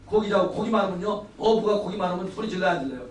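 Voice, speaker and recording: High-voiced preacher shouting in an echoing hall. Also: male voice, expressive, rapid-fire. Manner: exuberant, shouts and leads call-and-response. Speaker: pastor. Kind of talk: lively sermon lecture. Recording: roomy hall from far off, faint background noise.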